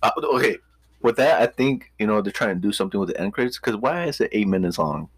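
A man's voice: fairly low pitch, lively intonation, fast talker, breathy edge, no room sound, studio quality. A man co-hosting a casual podcast, swearing freely and repeating his points with emphasis. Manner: profane, emphatic, repeats himself. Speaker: podcast co-host. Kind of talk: casual chat.

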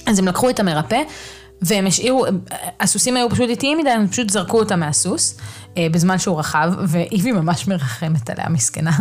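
A woman hosting a podcast, retelling a novel's plot in a chatty, animated way with many hesitations. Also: mid-range voice, faint music behind. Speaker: podcast host. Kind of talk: casual book recap.

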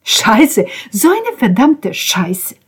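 A woman voicing an enraged young man who shouts and swears in a German audiobook. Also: fairly low pitch, level tone, normal speed, vocal fry, husky. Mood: furious. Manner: shouting, swearing, loud and raised. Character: furious young man cursing at everyone. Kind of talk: audiobook character voice.

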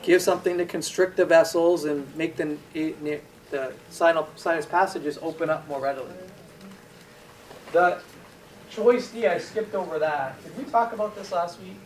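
A man's slightly high, unhurried voice carries through an echoey lecture room as he teaches pharmacology, asking questions and answering them himself. The mic is distant, and there's faint hiss.

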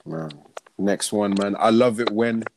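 A man's voice: lowish voice, fairly even intonation, measured pace, a little hiss or hum. A man hosting a podcast in casual, chatty slang. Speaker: podcast host. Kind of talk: casual chat.

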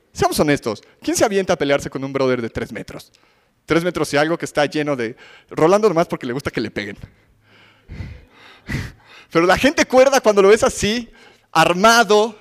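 High-voiced man preaching in a hall. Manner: conversational, asks the audience questions, acts out voices. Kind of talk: sermon.

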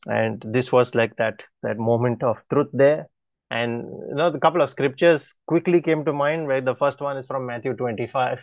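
A man preaching, telling a personal testimony in an earnest, halting way with frequent restarts. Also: medium pitch, no room sound, dull audio.

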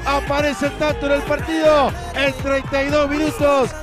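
A man with a Uruguayan accent giving breakneck, impassioned football goal commentary on the radio, with shouts and drawn-out cries. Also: very high voice, little pitch movement. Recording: music and crowd noise behind radio broadcast. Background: music and crowd.

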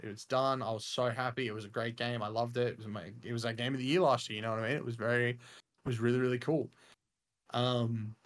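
A man's voice: medium pitch, steady tone, fast talker. A young man co-hosting a gaming podcast, talking casually and enthusiastically in long, rambling sentences. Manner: enthusiastic, rambling, says "freaking" and "mate" a lot. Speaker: podcast co-host. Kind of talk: casual chat.

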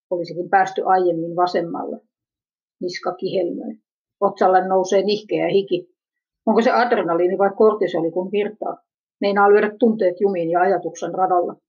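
A woman's voice: lowish voice, slightly rough. A woman reading a first-person personal narrative aloud in an introspective, self-questioning manner, on a dull lo-fi recording.

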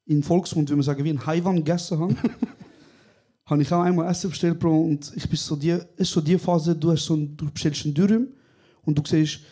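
A young man with a Swiss German accent tells stories with animated energy at a live podcast recording. His voice sits fairly high and sounds mellow and a little husky. He drops 'Bro' into almost every sentence. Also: a little fast. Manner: animated storyteller, says 'Bro' often. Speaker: podcast co-host. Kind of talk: casual chat recorded live. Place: small venue, live recording.

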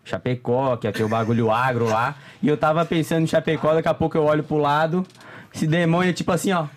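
Guesting on a podcast, this young man speaks fast in a somewhat high voice. He laughs often, leans on slang, and tells his stories with real animation.

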